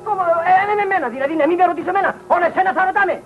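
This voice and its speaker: An actor playing a nervous, flustered cousin who stammers and fusses. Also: male voice, very high voice. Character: nervous, flustered middle-aged male cousin. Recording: dull old film soundtrack with music.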